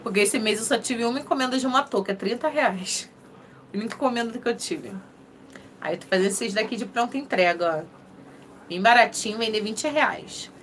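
A woman with a Carioca accent talks casually on a crochet live stream, her voice sitting a little high. She is chatty and friendly, greeting viewers one by one and laughing often. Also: lively intonation, a little fast, slight background noise. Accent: Carioca (Rio de Janeiro) Portuguese. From Rio de Janeiro, Brazil.

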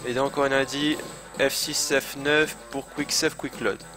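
A male streamer chats through a live game session on a desk microphone at home. He rambles, hesitates, swears when he dies and jokes about being a beginner, his voice sitting at an ordinary middle pitch. Faint game music runs behind him. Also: level tone, measured pace. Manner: chatty, hesitant, swears, self-mocking. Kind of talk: casual live gameplay commentary. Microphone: desk microphone, speakers playing game sound.

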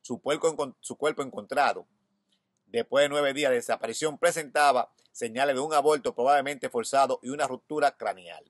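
Dominican news host, thirties, reads headlines and then gives his opinion; mid pitch, dry close-mic sound. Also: fairly quick, no echo. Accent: Dominican Spanish. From Dominican Republic. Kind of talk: reading and commenting on news. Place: outdoors in front of a hedge.

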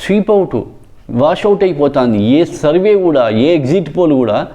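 A man's voice: on the high side, expressive, normal speed, dark tone. A man giving a solo political commentary, emphatic and repetitive in short punchy phrases. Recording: dull lo-fi sound.

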